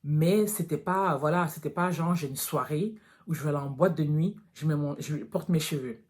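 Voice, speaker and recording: A woman's voice: sits low, normal speed, a little mellow. A woman in her thirties from France, talking to her viewers in a casual vlog, frank and direct, calling them girls. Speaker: natural hair vlogger.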